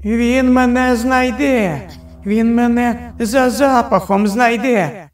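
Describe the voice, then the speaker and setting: A man voicing a frantic little boy who cries out in a shrill, near-shrieking voice. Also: steady tone, slow, far from the mic, faint music behind.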